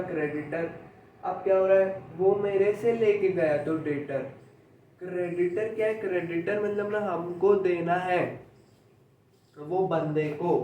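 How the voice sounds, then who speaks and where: A young man teaching commerce in a slow lecture style, repeating each point and checking that his students follow. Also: high voice, warm tone. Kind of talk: classroom lecture. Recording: echoey room, mic far off, faint noise.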